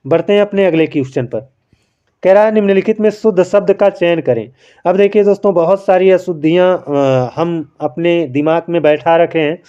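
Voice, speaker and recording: A man's voice: sits high, warm tone, highs cut off. A man teaching a Hindi spelling lesson, explaining each answer patiently and answering his own questions as he writes by hand. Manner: explains patiently, keeps calling listeners friends; asks questions and answers them himself.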